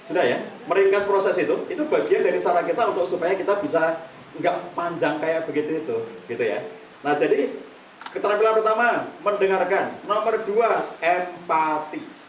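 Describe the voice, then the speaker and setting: A middle-aged man giving a live workshop on counseling to an audience. He talks in a lively way and acts out examples in quoted voices. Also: high voice, normal speed, slight background noise. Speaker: counseling trainer. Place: meeting room with a live audience. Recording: echoey room from far off, faint ambience.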